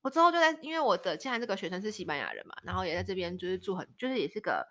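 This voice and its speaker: Animated Taiwanese woman telling stories. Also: medium pitch, very fast. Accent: Taiwanese Mandarin. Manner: animated, laughs often, acts out quoted voices. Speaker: podcast host. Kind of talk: casual storytelling chat.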